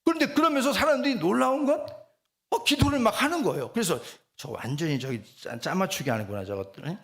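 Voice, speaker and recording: A middle-aged man preaching as senior pastor, telling a personal testimony in an animated storytelling way with frequent rhetorical asides. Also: sits high, quick pace. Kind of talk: sermon testimony.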